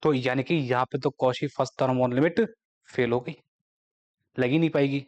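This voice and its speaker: A man teaching a maths lecture, explaining step by step and asking and answering his own questions. He slows right down whenever he dictates a formula. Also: mid-range voice, fairly even intonation, a little mellow.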